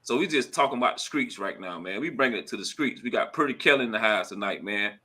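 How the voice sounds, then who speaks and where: A man hosting a casual live stream, talking in a slangy, chatty way and giving shout-outs. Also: on the low side, lively intonation, fast, husky. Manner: slangy and chatty, full of "you know what I'm saying" and shout-outs. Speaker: host of a crypto live stream. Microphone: computer mic at a laptop.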